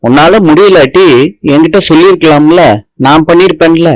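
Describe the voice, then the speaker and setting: A man's voice: a little high, fairly even intonation, moderate pace, dry recording, voice pushed up, natural voice, poor audio. A man reading the lines of an angry young man accusing an older relative, in his own plain voice.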